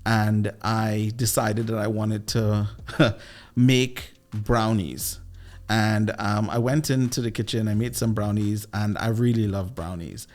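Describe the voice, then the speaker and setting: A man with a Trinidadian accent from Trinidad and Tobago, a guest entrepreneur and business coach telling playful, animated stories in a casual interview. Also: lowish voice, takes it slowly. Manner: animated, playful, with lively voiced asides.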